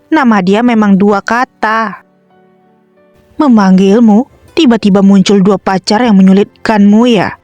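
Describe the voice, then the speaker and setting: A woman reads a romance comic aloud in a scripted style, taking on every part herself. Her voice sits at a middle pitch and stays even and steady. Faint music plays softly behind her. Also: no room sound. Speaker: comic dub reader. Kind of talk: scripted reading of a romance comic, voicing all parts. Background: faint background music.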